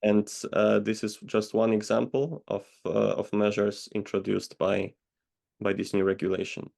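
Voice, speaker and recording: A man from Poland, answering interview questions in a measured, hesitant way over a video call. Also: on the low side, flat delivery, gravelly, a little mellow. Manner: measured, hesitant with many pauses. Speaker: guest consultant.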